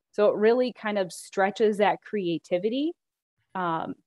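A woman's voice: mid-range voice, a little mellow, no echo. A woman on a virtual panel, talking earnestly and practically about running groups, with frequent "really" and "you know". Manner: earnest, practical, repeats 'really' and 'you know'. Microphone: video call.

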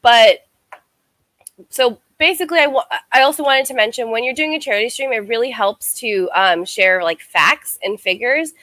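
A woman from the United States speaks as a guest streamer on a video call, telling a story in loose, chatty sentences full of "like." Her voice is bright and slightly raised in pitch. The sound is dry and close. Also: moderate pace, dry recording. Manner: chatty, heavy use of "like". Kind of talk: casual interview storytelling.

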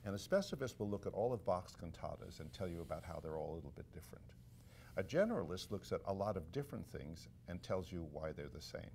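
Deep-voiced man explaining measured ideas. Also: lively intonation, creaky, darkish tone, a little hiss or hum. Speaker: conductor and author. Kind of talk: casual interview chat.

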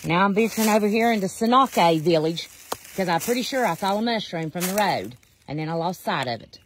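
A woman's voice: lowish voice, lively intonation, a little fast, slight background noise. A woman vlogging outdoors in hilly woods on a handheld phone, chatty and joking at her own expense. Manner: joking, chatty, self-mocking. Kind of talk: casual outdoor vlog.

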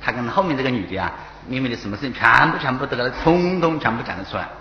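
Monk telling parables in an echoey hall. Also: male voice, mid-range voice, lively intonation, rapid-fire. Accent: Taiwanese Mandarin. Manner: storytelling, chuckles at his own points. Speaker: Buddhist monk teacher. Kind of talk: dharma talk with parables. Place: temple lecture hall. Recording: echoey hall, dull lo-fi, faint hiss.

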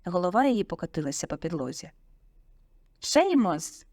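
A woman narrating an audiobook in a vivid, expressive storytelling manner on a close studio mic. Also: lowish voice, normal speed, no echo.

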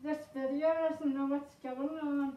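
A woman talking casually to camera from inside a costume head, rambling and halting as she goes. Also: high voice, level tone, mellow. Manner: rambling, halting, self-conscious. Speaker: video creator. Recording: echoey room, far from mic.

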